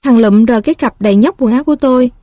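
A woman's voice: fairly high pitch, fast talker, warm tone, dry recording, clean studio sound. Woman reading a story, Southern accent. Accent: Southern Vietnamese.

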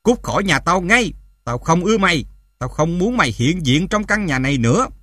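A man voicing a cruel, drunken mother in an audiobook, shouting in a shrill, sneering way. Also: takes it slowly, no room sound, clean studio sound, close to an everyday voice. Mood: furious. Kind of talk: audiobook character voice.

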